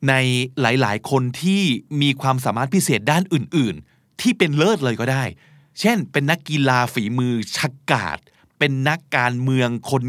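A man's voice: medium pitch, expressive, moderate pace, a bit bright, no room sound, clean studio sound. A man hosting a casual spoken lesson. He talks politely and spells words out letter by letter as he explains them patiently. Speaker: host teaching English spelling.

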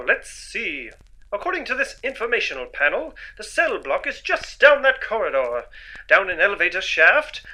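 A chipper, earnest space hero from an old-time radio serial, as a man plays him. His voice sits high and sounds brilliantly bright, rising and falling widely while he speaks at a slow, deliberate pace. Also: heavily acted, low-quality recording. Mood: determined. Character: heroic male space ranger, cheerful and earnest. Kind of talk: retro radio serial parody.

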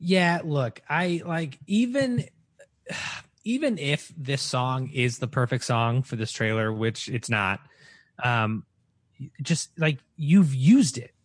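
A man's voice: mid-range voice, expressive, slow pace, no echo. A man co-hosting a podcast, giving emphatic, exasperated opinions in casual chat. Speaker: podcast co-host.

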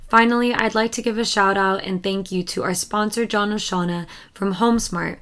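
A woman hosting a podcast, with a mid-range voice. She reads the announcements in a bright, promotional tone and turns patient and curious when she interviews her guest. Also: mid-range voice, fairly even intonation, moderate pace. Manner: upbeat promotional read, then gently probing questions. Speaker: podcast host.

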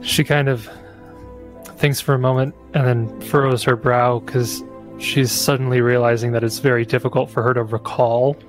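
A man's voice: medium pitch, flat delivery, normal speed, soft background music. A man running a tabletop game as game master, narrating scenes in a descriptive way with many fillers.

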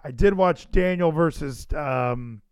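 A man's voice: a little high, takes it slowly, smooth, dry recording, studio quality. A man hosting a podcast livestream in casual chat, rambling and emphatic, repeating phrases for effect. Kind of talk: casual wrestling show chat.

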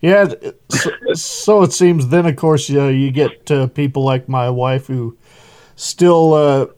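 A man hosting a casual interview, relaxed, often chuckling and restarting his sentences. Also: medium pitch, slow pace, clean tone. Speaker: interview host.

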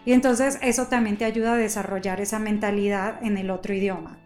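A woman at a middle pitch speaks in relaxed conversation. She explains her thinking at length in a reflective, flowing way. Soft music lingers faintly behind her. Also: a little fast. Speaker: conversation partner. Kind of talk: casual conversation.

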